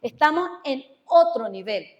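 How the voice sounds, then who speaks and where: A woman's voice: sits high, expressive, measured pace, highs cut off. A woman with a Venezuelan Spanish accent preaching a sermon to her congregation, talking conversationally and asking them questions. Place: church hall. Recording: long church hall reverb.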